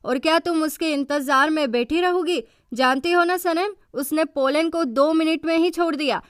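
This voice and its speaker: Woman voicing a cold, manipulative man in a drama recap, harsh and high-voiced. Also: moderate pace, no room sound, clean studio sound, lightly acted. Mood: persuasive. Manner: harsh, dismissive.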